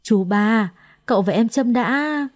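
A woman's voice: on the high side, lively intonation, slow pace, darkish tone. A woman voicing a fussy, theatrical older sister-in-law who wails dramatically in a storybook reading. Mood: wailing. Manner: wailing, dramatic.

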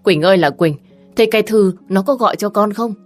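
A woman's voice: medium pitch, fairly quick, soft background music, pitched above the performer's own voice, natural voice. A woman voicing a worried middle-aged mother who complains anxiously about her runaway niece on the phone.

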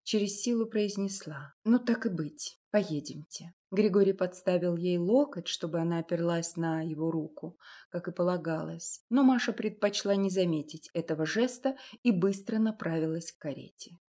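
A woman reading a historical romance novel aloud in measured scripted narration. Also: lowish voice, dark tone. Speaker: audiobook narrator.

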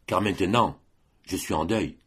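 A man voicing a young woman, a gentle but fiercely determined sister, in a soft husky voice raised above his own. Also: deep voice, moderate pace, exaggerated voice. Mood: grave.

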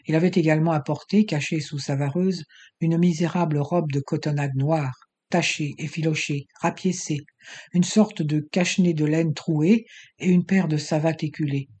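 A man reading an adventure novel aloud with steady, expressive pacing. His voice sits fairly high for a man, with a mellow, dark tone and a slightly husky texture. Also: normal speed. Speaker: audiobook narrator. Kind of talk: scripted narration of an adventure novel.

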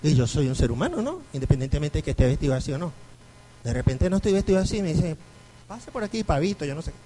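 Animated Venezuelan priest lecturing. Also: male voice, a little high, rapid-fire, slight background noise, rough recording. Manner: animated storyteller, acts out quoted voices. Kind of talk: lecture to a parish group.

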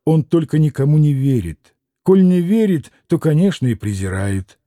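A man voicing an earnest, kind young man who speaks quietly and softly. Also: a little high, animated, normal speed, no echo, clean studio sound, natural voice. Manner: quiet, soft-spoken.

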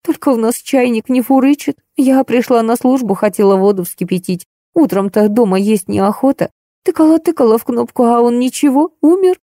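A woman's voice: fairly high pitch, expressive, normal speed, mellow, dry recording, studio quality, pitched above the performer's own voice. A woman reading an audiobook, voicing a plump, weepy young office clerk who grumbles plaintively. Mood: complaining.

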